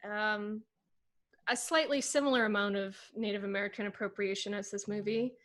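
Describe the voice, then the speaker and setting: A young adult woman co-hosting a podcast in casual chat, chatty and quick to laugh. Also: medium pitch, steady tone, a bit bright. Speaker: podcast co-host.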